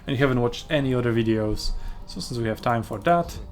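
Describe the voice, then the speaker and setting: A man's voice: medium pitch, brisk, a little mellow, a little hiss or hum. Man chatting through gameplay commentary. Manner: rambling, self-correcting, chatty with fillers. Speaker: gaming video host.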